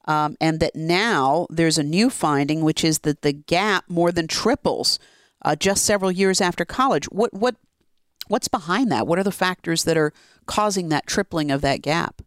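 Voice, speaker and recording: A smooth radio talk show host taking calls and interviewing guests live, measured and polite with some fillers. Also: mid-range voice, a bit bright, no room sound, studio quality. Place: radio studio. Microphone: close studio microphone.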